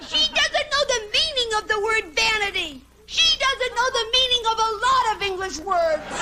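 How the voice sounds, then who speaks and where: A comic actress playing a frumpy, overlooked sister of glamorous socialites, delivering a mock-grand roast monologue in character on an old television broadcast. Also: female voice, very high voice. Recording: noisy old broadcast with loud audience laughter.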